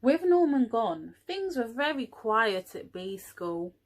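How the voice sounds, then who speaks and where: A woman reads a storybook for young children in a lively, swooping voice. Her pace is unhurried and her pitch fairly high. She often breaks off for small asides to her listeners. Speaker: early years teaching assistant reading a storybook. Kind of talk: animated picture-book reading for young children.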